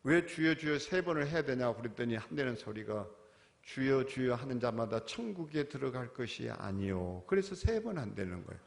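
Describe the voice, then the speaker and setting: A male pastor preaching a sermon, swinging from quiet, questioning asides to loud, impassioned cries. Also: medium pitch, lively intonation, brisk, creaky. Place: church sanctuary. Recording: long reverb of a church hall.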